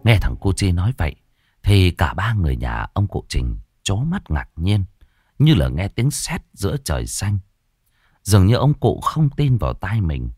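Expressive male storyteller. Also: low-pitched, moderate pace, slightly rough, dry recording. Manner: expressive, dramatic. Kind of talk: ghost story narration.

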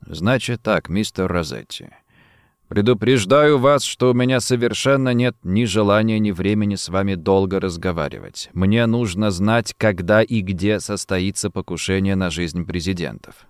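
A male narrator voicing a calm, cold detective who speaks slowly and softly with quiet menace. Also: low-pitched, smooth, dry recording, clean studio sound, voice pushed down. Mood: cold threat. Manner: slow, soft and menacing.

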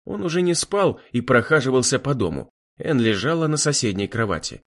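A man narrating an audiobook in an expressive storytelling manner. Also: medium pitch, brisk. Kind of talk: scripted narration.

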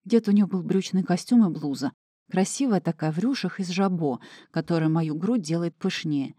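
A woman's voice: on the low side, moderate pace, warm tone, husky, no room sound. A woman narrating a first-person novel as an audiobook, with an emotional, emphatic delivery.

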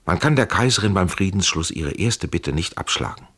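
A man voicing a proud and bitter aging princess in an audiobook, lifting his voice slightly and speaking slowly. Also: deep voice, animated, fairly bright tone, breathy edge, heavily acted.

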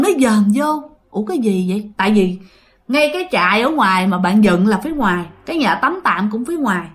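Woman spinning a ghost story casually, high voice that swoops a lot, talks right at listeners. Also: a bit bright. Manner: chatty, addresses listeners, many fillers.

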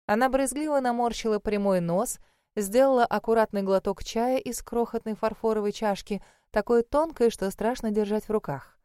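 A woman narrating a fantasy romance audiobook in a measured, expressive way. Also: on the high side, clean tone, no room sound, studio quality. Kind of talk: scripted narration.

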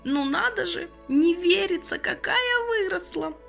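A woman's voice: extremely high pitch, expressive, measured pace, gravelly, a bit bright, faint music behind, pitched above the performer's own voice, full character voice. A woman reading an audiobook, voicing a kind, emotional old man who used to be a train conductor, with a fussy, exclamatory manner. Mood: jovial.

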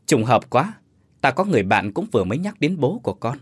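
A man's voice: medium pitch, big pitch swings, fast, slightly rough, no echo. A man voicing an old village herbal doctor who talks in a hearty, exclamatory way, in a spoken story. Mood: cordial.

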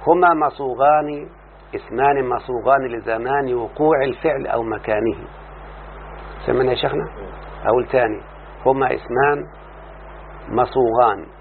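A man with an Egyptian accent teaching a classroom lesson, explaining slowly and often checking that his students follow. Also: mid-range voice, steady tone. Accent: Egyptian Arabic. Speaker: teacher of Arabic morphology. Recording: tinny lo-fi line with faint hum.

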